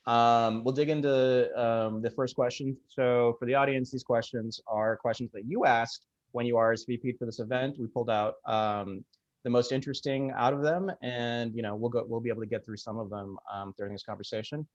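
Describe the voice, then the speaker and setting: A man moderating a panel over a video call, talking casually with many ums and pauses. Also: medium pitch, no echo. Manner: relaxed, hesitant with many fillers. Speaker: panel moderator, executive recruiter. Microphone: video call microphone. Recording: dry, dull lo-fi video call audio.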